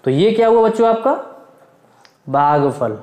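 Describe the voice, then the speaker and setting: A man teaching division to young children. He keeps calling out to them, asks and answers his own questions, and chants multiplication tables slowly. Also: high voice, sing-song, darkish tone, echoey room. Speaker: math teacher. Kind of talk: classroom lesson for children.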